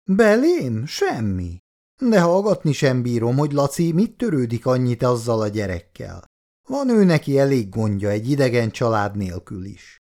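A man's voice: mid-range voice, sing-song, a little mellow. A man voicing an indignant, jealous middle-aged mother who scolds her family sharply.

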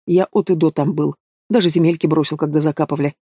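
Audiobook heavy: mocking young thug, read by a man, mellow and fairly high. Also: fairly even intonation, fast talker, slightly rough, dry recording, studio quality. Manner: taunting, drawling, casual menace. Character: sneering young male villain, lazy and mocking. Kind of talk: audiobook character voice.

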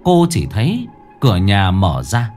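A man narrating a ghost story in a dramatic, expressive way. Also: fairly low pitch, a little slow. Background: faint background music.

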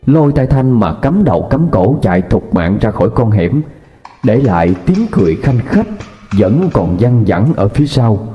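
A man narrating a horror story in a steady, even storytelling voice. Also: mid-range voice. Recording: dull lo-fi with faint music.

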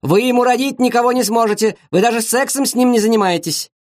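A man's voice: high voice, a little fast, voice pushed up, lightly acted. A man voicing Svetka, a brash hot-tempered young woman who speaks shrilly and indignantly.

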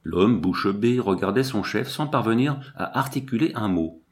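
Brief: lively male audiobook narrator, low voice with a wide range. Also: moderate pace. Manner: expressive, lively storytelling. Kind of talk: scripted narration.

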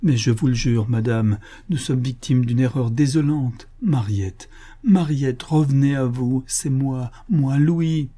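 A man's voice: medium pitch, slow pace, dark tone. A man voicing an earnest, anguished young man pleading with his beloved, in an audiobook reading. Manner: pleading, fervent.

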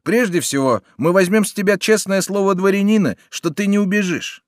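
A man reading an audiobook who voices a sly, smooth-talking bandit with a mocking, persuasive manner. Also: sits high, fairly quick, no room sound, studio quality, voice pushed up, natural voice.

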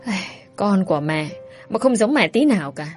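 A woman's voice: mid-range voice, expressive, soft background music, natural voice. A woman voicing a bossy older mother who scolds her daughter and schemes to marry her off. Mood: scolding. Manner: scolding, brisk.

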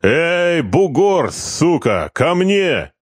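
A drunk, foul-mouthed young corporal barks threats and curses in a pitched-up voice, as a male reader puts him on. He swaggers and bullies. The sound is dry and close. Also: sing-song, takes it slowly, no echo. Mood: drunken bullying. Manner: shouting, swearing, threatening.

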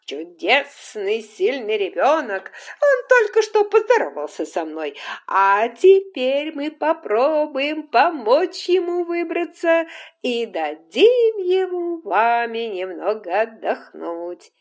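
A self-assured, bossy middle-aged midwife from a storybook, voiced by a woman reading aloud. She speaks high and loud, drawing out her words slowly. Her cheer sounds put on. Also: sing-song, full character voice. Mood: falsely cheerful.

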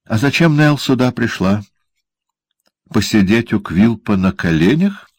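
A man's voice: on the low side, big pitch swings, unhurried, no room sound, pitched above the performer's own voice, exaggerated voice. A cruel, gleeful dwarf, as a male reader puts him on, barking and snarling in a raised, strained voice that leaps all over. The audiobook voice is recorded dry and close. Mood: gloating. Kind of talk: audiobook character voice.

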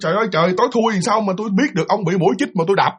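A man's voice: high voice, racing, slightly rough, voice pushed up. A man voicing an annoyed wife protesting her innocence. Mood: defensive. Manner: protesting, complaining.

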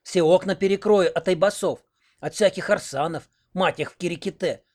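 A man's voice: high voice, normal speed, a little mellow, pitched above the performer's own voice. A man doing a sly, grumbling old village granny. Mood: fierce. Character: crafty scheming old village grandmother.

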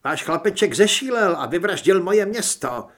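A man voicing a strong-willed, fierce young woman who speaks in sharp, forceful bursts. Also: on the high side, slightly rough.

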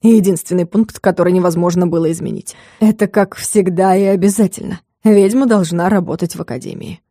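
A woman's voice: steady tone, brisk, dark tone, no echo, clean studio sound. A woman voicing a scheming, pompous male lord of hell in a storybook reading. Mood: smug. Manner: mocking, turns shrill and panicky.

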